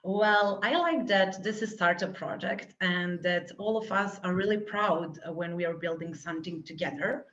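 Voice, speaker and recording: A woman's voice: fairly low pitch, fairly even intonation, moderate pace, few pauses, a bit bright. A woman from Serbia, a guest developer answering interview questions over a remote call, hesitant and full of filler sounds. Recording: muffled lo-fi call audio.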